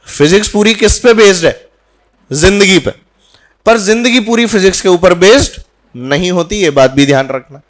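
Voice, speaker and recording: A physics teacher talking warmly and jokingly to his students at the end of a course in a classroom, mixing in English phrases. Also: high-pitched, lively intonation, moderate pace. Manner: chatty and teasing, mixing Hindi with English phrases. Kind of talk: farewell talk to a class.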